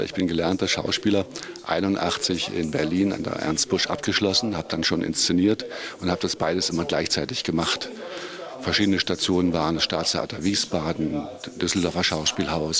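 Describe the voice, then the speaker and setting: A theater director in his fifties talks in an interview. He is a man with a deep, low-pitched voice, explaining his work. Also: fairly bright tone. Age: 50s. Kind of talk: interview introduction.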